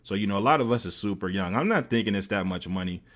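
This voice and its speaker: A man's voice: lowish voice, expressive, fast talker, a bit bright. An American man streaming, loosely retelling a story with many fillers. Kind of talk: casual storytelling.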